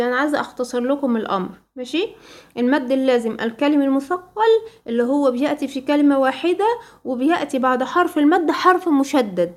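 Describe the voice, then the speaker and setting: Egyptian woman, tajweed teacher; high voice, patient drilling delivery with prompt questions and repeated terms. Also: a little mellow. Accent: Egyptian Arabic. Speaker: Quran recitation teacher. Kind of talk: tajweed lesson.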